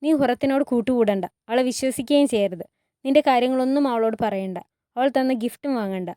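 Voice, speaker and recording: A woman's voice: fairly high pitch, brisk, mellow, clear, resonant tone, no room sound, clean studio sound, natural voice. A woman reading as a stern royal mother.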